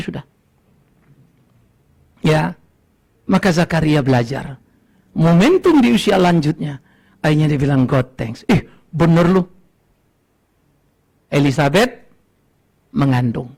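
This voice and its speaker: An older man preaching a sermon. He swings between loud outbursts and low asides and laughs often. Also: vocal fry. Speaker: pastor. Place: church hall.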